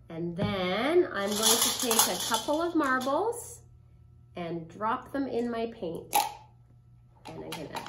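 A woman hosting a children's craft demonstration like a kids show host, asking young viewers simple, encouraging questions. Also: on the high side. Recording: roomy echo, faint noise.

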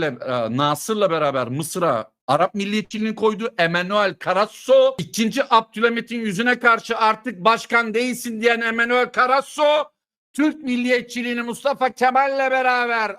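Middle-aged guy ranting about politics, high bright voice, sarcastic, gets shouty. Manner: sarcastic, emphatic, shifts into shouting. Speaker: political commentator. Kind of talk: heated political monologue.

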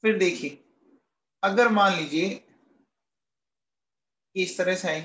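This chemistry teacher speaks slowly in a high, fairly bright voice, captured in a reverberant, low-quality recording. Addressing his class fondly as kids, "beta" and "bachche," he draws them in with questions and supplies the answers on his own.

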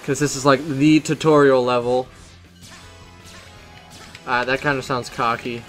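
A man's voice: medium pitch, a bit bright. A young man doing let's play commentary, rambling and self-deprecating as he talks over his gameplay. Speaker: gaming commentator.

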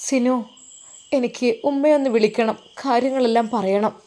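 A woman's voice: on the high side, fairly even intonation, normal speed, mellow, close to an everyday voice. A woman voicing an emotional young wife who speaks earnestly and devoutly. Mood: quiet. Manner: heartfelt, pleading. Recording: reverberant room with faint noise.

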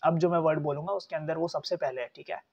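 A young man gives a relaxed pronunciation lesson, saying each word slowly and more than once. His voice sits a bit high and has a gravelly, creaky edge. The recording sounds dull and lo-fi. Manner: patient, repeats words slowly, chatty asides. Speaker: English pronunciation teacher. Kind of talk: casual spoken lecture.

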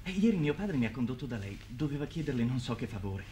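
An actor playing a naive, excitable young man in a 1950s television drama, chatty and boastful. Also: medium pitch, quick pace, natural voice. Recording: hissy old 1950s TV recording.

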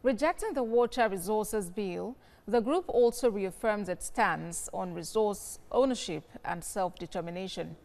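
A young woman news anchor presenting in a crisp, formal way from a TV studio. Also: mid-range voice, lively intonation, measured pace, hardly any pauses, a little mellow, big-room sound.

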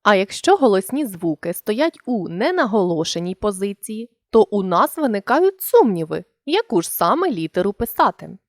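A woman narrating a scripted language lesson, sounding out example words slowly and deliberately. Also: medium pitch, sing-song, no room sound, clean studio sound.

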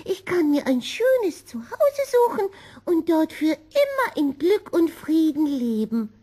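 Gobbolino, squeaky little kitten voiced by a woman. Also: big pitch swings, slow pace, warm tone, full character voice. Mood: hopeful. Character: small young male kitten, anxious then hopeful. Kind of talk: storybook reading.

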